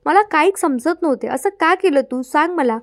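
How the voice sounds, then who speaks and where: A woman's voice: high voice, animated, moderate pace, dry recording, clean studio sound. A woman reading the lines of a distraught young woman in love, pleading and tearful.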